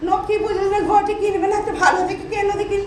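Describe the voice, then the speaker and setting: A cranky, hard-of-hearing mother-in-law answers sharply in a very high voice. The voice sounds far off in a booming auditorium, with faint noise behind it. It comes across as a stage comedy recorded from the house. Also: little pitch movement, racing. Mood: confused. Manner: querulous, confused, sharp-tongued. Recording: echoey hall from far off.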